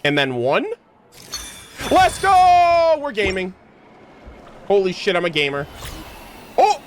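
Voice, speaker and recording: A streamer with a mid-range, sing-song voice speaks slowly over a noisy background, giving casual, playful live commentary on a video game. The talk is slangy, sweary and full of jokes, with faint video game music playing behind.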